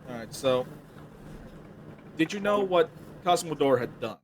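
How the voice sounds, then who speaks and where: A man on a casual voice call who asks pointed questions in a halting way, often restarting and getting louder as he presses. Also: fairly high pitch, expressive, slight background noise.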